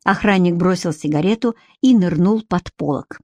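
A woman reading an audiobook in steady, measured narration. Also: fairly low pitch, dry recording, studio quality. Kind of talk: scripted narration.

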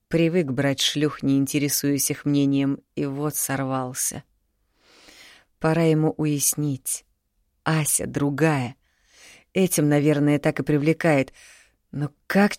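A woman narrating an audiobook in an even, measured reading. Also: sits low, dry recording, clean studio sound.

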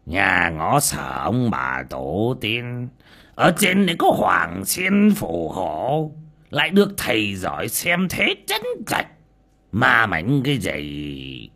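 A man doing a gruff old household master. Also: lowish voice, wildly swooping pitch, slow, bright, forceful tone, heavily acted. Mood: stern. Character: stern older male household master.

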